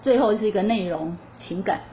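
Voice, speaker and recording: A woman gives a choir lesson in a chatty, explaining manner, posing questions and answering them herself. Her voice sits at a middle pitch. The recording is slightly dull and lo-fi, with a faint hiss underneath. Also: fairly quick. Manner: lively explanatory, sings short demo phrases. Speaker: choir teacher. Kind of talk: spoken music lesson.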